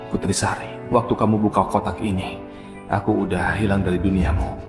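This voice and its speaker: A grave, resolute husband who is leaving for good in a melodrama. His voice is low and quiet, over clearly audible music. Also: flat delivery, brisk. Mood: cold farewell. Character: resolute, wounded husband bidding a cold farewell. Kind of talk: melodramatic short drama acting.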